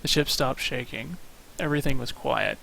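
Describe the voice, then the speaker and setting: A man's voice: mid-range voice, normal speed, vocal fry, bright, forceful tone, low-quality recording. Man, streamer, narrates a game story, wry commentary, faint hiss in background. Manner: wry asides between narration. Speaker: streamer reading a visual novel. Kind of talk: reading aloud with casual commentary.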